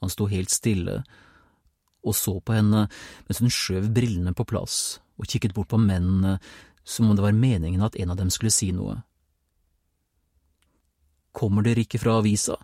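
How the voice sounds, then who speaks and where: Guy reading an audiobook, low husky voice, calm and measured, super dry close mic. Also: no room sound. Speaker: audiobook narrator. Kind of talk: scripted narration.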